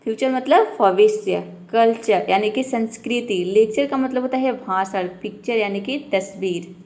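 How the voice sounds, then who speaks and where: A woman's voice: fairly high pitch, moderate pace, a little mellow. A woman teaching English pronunciation to beginners, patiently repeating each rule and asking the viewer questions. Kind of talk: step-by-step pronunciation lesson.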